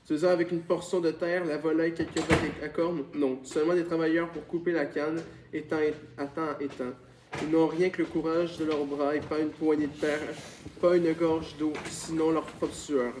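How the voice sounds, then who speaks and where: A man's voice: on the high side, flat delivery, moderate pace, recorded from a distance, lightly acted. A man reading the part of Manuel, an earnest peasant back from Cuba, on a noisy recording with clicks.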